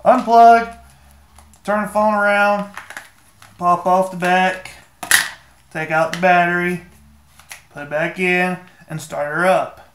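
A man casually talking viewers through a phone software walkthrough, laid-back and joking with mild swearing. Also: sits high, fairly even intonation, slow pace, pauses often, echoey room, a little hiss or hum. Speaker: tech tutorial maker. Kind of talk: casual screen-recorded walkthrough.

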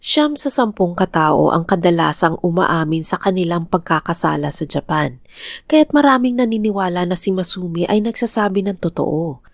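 A Filipino-accented woman tells a true crime story in a calm, measured narrating voice. Her voice sits a little low, and the recording is dry and close, with no room sound. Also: dry recording. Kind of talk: scripted narration.

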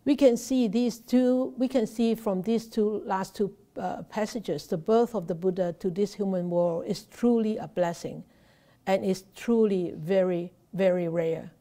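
A middle-aged woman with a Hong Kong accent gives an unhurried Dharma talk, stumbling over restarts and fillers. Her voice is soft and mellow, set at a middling pitch. She speaks into a laptop webcam in a temple shrine room. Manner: slow, halting, many restarts and fillers. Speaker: Buddhist nun teacher.

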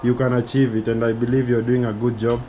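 A man's voice: medium pitch, level tone, quick pace, warm tone, a little hiss or hum. Upbeat Kenyan man vlogging. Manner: enthusiastic, chatty, many "you know" fillers. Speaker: vlogger host. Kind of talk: casual vlog talk to camera.

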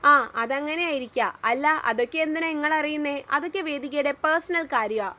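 A woman's voice: high voice, normal speed, pushed and bright. A woman voicing a sulky, cheeky young wife in an audio story, with pouty, sarcastic remarks.

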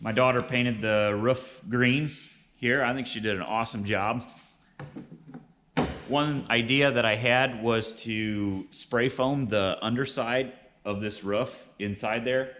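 A man in his thirties, a beginner beekeeper, hosts a casual how-to vlog and narrates it in a plainspoken, explanatory way. His mid-range voice is steady and fairly bright, and he speaks slowly. The recording is clearly noisy, with background ambience.

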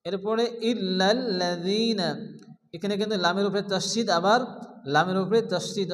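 A man teaching Quran recitation step by step, who asks questions, answers them himself, and recites slowly in a chanting tone. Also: high-pitched, in a large hall, low-quality recording. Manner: explains rules, then recites slowly in a chanting tone.

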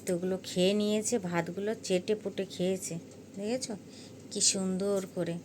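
A woman's voice: medium pitch, fairly even intonation, fairly quick, darkish tone, a little hiss or hum. A woman talking fondly in a casual home vlog, chatting and coaxing her pets with repeated calls. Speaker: cat owner vlogger.

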